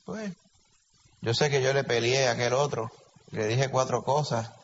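A man from Puerto Rico with a Puerto Rican Spanish accent gives a sermon like a conversation, often questioning his congregation. He speaks a little slowly in a medium-pitched voice with fairly even intonation. Long reverb and faint hiss color the dull lo-fi audio.

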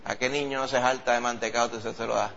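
A man preaching a sermon with a Puerto Rican accent, animated and acting out quoted voices. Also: fast, vocal fry, a little hiss or hum. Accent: Puerto Rican Spanish. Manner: animated, acts out quoted voices in a high pitch. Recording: dull lo-fi sound.

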